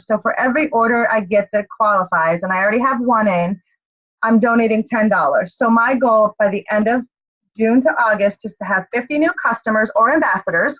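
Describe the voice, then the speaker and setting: A woman's voice: medium pitch, fairly bright tone, muffled recording. A woman leading her team on a group call, upbeat and rallying, checking in often with "okay?". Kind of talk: motivational group call talk.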